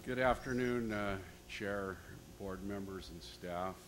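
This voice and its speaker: Low male voice, union rep talking to a board, informal and halting, lots of hum. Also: fairly bright tone. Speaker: trades council representative at public comment. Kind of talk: public comment to a board. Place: public board meeting room. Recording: noisy meeting room with hum.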